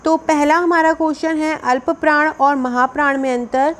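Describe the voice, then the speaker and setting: A woman's voice: high voice, fairly even intonation, moderate pace, fairly bright tone. A woman, teaching Hindi grammar for an exam and explaining step by step, repeating key definitions.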